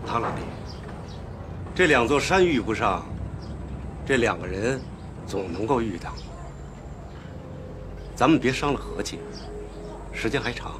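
An actor playing a man calmly making peace with a rival in a period drama. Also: mid-range voice, noisy background, lightly acted. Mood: conciliatory. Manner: placating, measured.

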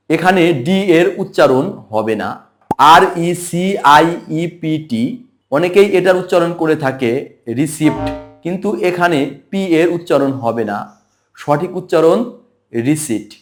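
A man teaching English pronunciation in a recorded lesson, spelling each word letter by letter before saying it slowly and carefully. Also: fairly high pitch. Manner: spells words letter by letter, then says them slowly and deliberately.

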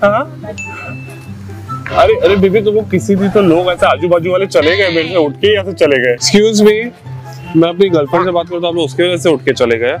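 A man's voice: high voice, brisk, soft background music. A young man pranking strangers in a park, cooing sweet baby talk to a supposed girlfriend on a video call and turning coaxing and sheepish with the people beside him. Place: outdoor park bench.

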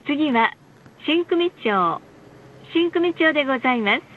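A high-pitched woman reads scripted bus stop announcements and ads, played as a recording inside a bus. Her delivery is animated yet polite, formal and carefully enunciated, and the lo-fi speaker makes it muffled amid heavy background noise.

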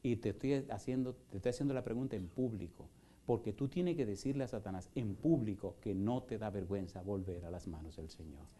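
Impassioned male pastor, mellow voice. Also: on the low side, fairly quick. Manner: impassioned, rhetorical questions, shifts from loud preaching to soft pleading. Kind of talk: evangelistic sermon with altar call. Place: church in Houston, Texas.

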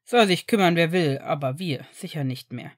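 A woman's voice: sits low, moderate pace, pitched below the performer's own voice. A woman voicing an angry, contemptuous middle-aged werewolf father who speaks bluntly and thunders at the doctor. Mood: furious.

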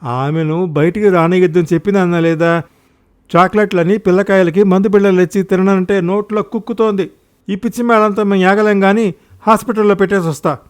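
A man voicing an angry grown son who speaks in a heated, shouting way. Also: high-pitched, fairly even intonation, brisk, clean tone, voice pushed up, close to an everyday voice.

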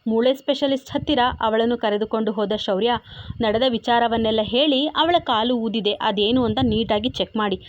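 A woman narrating a serialized romantic story as the channel's storyteller, in an even storytelling delivery. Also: on the high side, moderate pace. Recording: dry, slightly dull recording.

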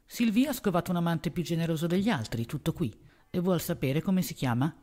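A man reading aloud, voicing a gruff middle-aged police inspector who speaks curtly and impatiently. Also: a little high, brisk, mellow, close to an everyday voice. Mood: grumbling. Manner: curt and impatient.

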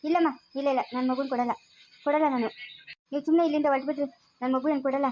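A woman's voice: sits high, fairly even intonation, rapid-fire, a little mellow, a little hiss or hum, lightly acted. Woman playing a stubborn young mother. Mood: defiant. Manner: insistent, scolding. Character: stubborn young mother clinging to her child. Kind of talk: amateur family drama.

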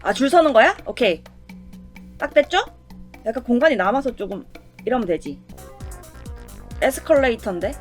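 A woman's voice: a little high, expressive, normal speed, long pauses, faint music behind. A woman giving casual let's-play commentary with playful exclamations and chatty self-talk. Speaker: game streamer.

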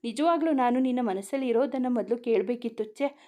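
A woman's voice: on the high side, quick pace, dark tone, natural voice. A woman voicing a young man, an earnest and protective older brother who blames himself. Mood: remorseful. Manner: earnest, self-reproaching.

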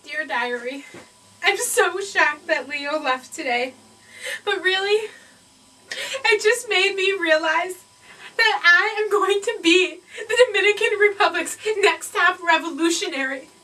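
Melodramatic young contestant, played by a woman; very high and bright, distant mic. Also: measured pace, heavily acted. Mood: teary. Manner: melodramatic, teary diary confessions. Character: emotional young female reality-show contestant. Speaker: narrator and contestant.

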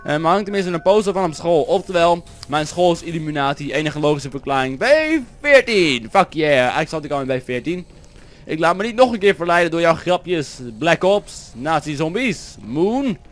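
A Dutch teenage boy doing excitable Let's Play commentary, swearing and yelping at setbacks and humming along as he plays. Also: a little high, normal speed. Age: teens. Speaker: gameplay commentator. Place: home room with a vacuum cleaner running outside.

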